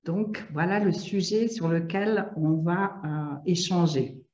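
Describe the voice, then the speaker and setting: Low-voiced woman on an echoey video call. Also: slow, a little mellow, lo-fi sound. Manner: chatty, with frequent filler sounds. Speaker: family constellation facilitator. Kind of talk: casual conversation on a video call.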